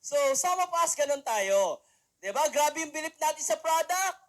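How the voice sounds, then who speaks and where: A young man, a mentor and motivational speaker, gives an animated talk to a live audience from a stage. He acts out quotes as he tells stories and keeps asking the crowd "di ba?". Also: extremely high pitch, normal speed. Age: young adult. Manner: animated storytelling, acting out quotes; peppers lines with rhetorical "di ba?".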